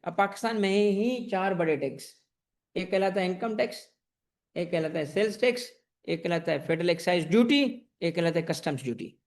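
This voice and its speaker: A man's voice: high-pitched, a little fast. A man teaching an exam-prep tax class that is also streamed online. He fires questions at his students, answers them himself, calls them fondly, and repeats the key points.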